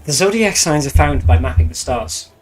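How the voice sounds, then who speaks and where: A man's voice: medium pitch, expressive, moderate pace, a little mellow, faint music behind, low-quality recording. A man playing a tabletop game, speaking hesitantly with fillers and long rambling explanations. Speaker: player. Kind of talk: casual tabletop game chat.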